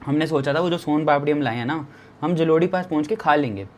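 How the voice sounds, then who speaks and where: A young man in his twenties tells his own travel story with lively, dramatic energy. His voice sits a little high for a man. He repeats lines for effect and keeps turning to the listener, over a faint background hiss. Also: fast. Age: 20s. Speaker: travel vlogger telling a story. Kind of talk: animated personal storytelling.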